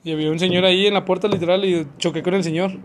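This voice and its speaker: A man's voice: high-pitched, steady tone, rapid-fire, noisy background. A young man with a Mexican Spanish accent, telling a story in slangy casual chat with sound effects and put-on voices. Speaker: podcast co-host telling a story.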